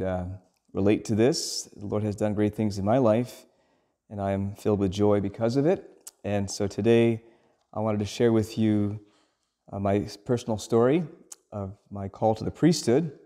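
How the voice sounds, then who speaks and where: Earnest priest with a warm, low voice. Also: male voice. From Sri Lanka. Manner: measured, earnest, with frequent ums and uhs. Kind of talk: homily.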